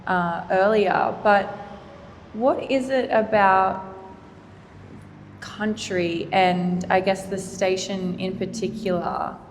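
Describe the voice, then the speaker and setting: An Australian woman moderating a public panel conversation in a gallery, speaking in an earnest, measured and formal way. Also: mid-range voice, steady tone. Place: gallery event space. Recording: roomy hall reverb, faint noise.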